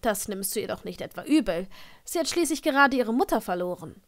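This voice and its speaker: A woman's voice: medium pitch, lively intonation, fairly quick, close to an everyday voice. Woman playing a tart older witch professor. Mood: weary. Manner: sharp, dry wit.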